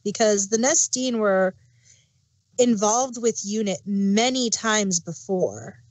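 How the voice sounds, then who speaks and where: A woman co-hosts a podcast reviewing audio dramas, chatting casually and thinking aloud with plenty of fillers. Her mid-range voice is expressive, slow and a little mellow, with no echo.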